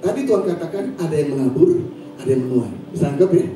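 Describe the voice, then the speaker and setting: A high-voiced male preacher with a Sundanese accent, rousing his flock and pressing them for amens. He is heard from a distance in a cavernous, echoing church hall, with music playing underneath. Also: expressive, fast talker. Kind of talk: sermon. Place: church service.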